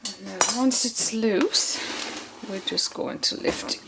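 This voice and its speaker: Slow-talking woman demonstrating a craft. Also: medium pitch, gravelly, heavy background noise. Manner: chatty, thinks aloud while working. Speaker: soap making tutor. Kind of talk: casual step-by-step demonstration.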